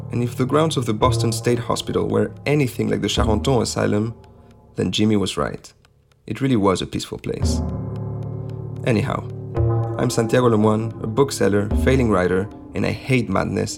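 Male podcast host, gravelly, scripted wry narration, soft music underneath. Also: on the low side, moderate pace.

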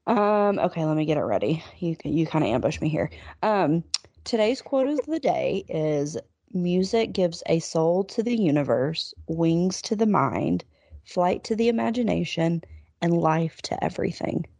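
A woman's voice: fairly low pitch, expressive, unhurried, creaky, dark tone, no room sound. A young woman co-hosting a podcast, telling a story in a chatty, self-deprecating way with lots of "like". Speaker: podcast co-host. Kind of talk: casual chat, storytelling.

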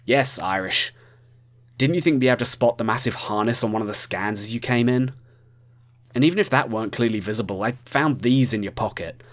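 A man's voice: medium pitch, fairly quick, lightly acted. A man voicing a harsh, impatient security chief who talks in curt threats. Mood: threatening.

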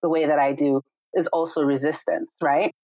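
On a video call, a low-voiced woman from Jamaica, a guest who teaches yoga and meditation, talks casually at normal speed in a level tone. She's warm and reflective, often saying "like" and "right?", and the recording is rough with no echo.

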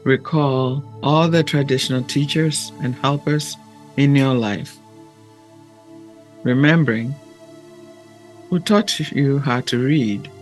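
A man speaking in a gentle, measured and deliberate way, with long pauses, as he hosts a reflective talk and guided meditation. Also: mid-range voice, faint music behind. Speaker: podcast host and meditation guide.

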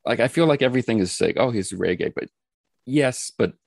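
A man's voice: medium pitch, expressive, brisk, vocal fry, no room sound. A man hosting a podcast in a casual, joking chat. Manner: joking, playful. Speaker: podcast host.

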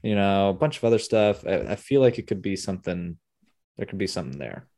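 A man's voice: deep voice, expressive, fast, warm tone. A man co-hosting a podcast, chatting casually and rambling through details. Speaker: podcast co-host. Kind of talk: casual chat.

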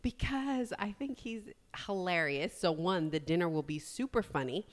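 A woman of forty in casual chat as a podcast host, speaking in an expressive, effusive way. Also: on the low side, normal speed. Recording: long hollow reverb.

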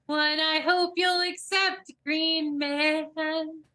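A woman voicing an awkward, smitten grown man, delivering lines in a hammy, drawn-out way. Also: sits high, fairly even intonation, sharp tone, soft background music, exaggerated voice. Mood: flirting.

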